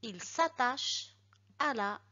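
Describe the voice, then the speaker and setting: A woman teaching Arabic letters and short vowels, speaking slowly and deliberately and pronouncing each syllable carefully for learners to repeat. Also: a little high, animated, bright, forceful tone. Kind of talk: slow instructional lesson. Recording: dull lo-fi recording.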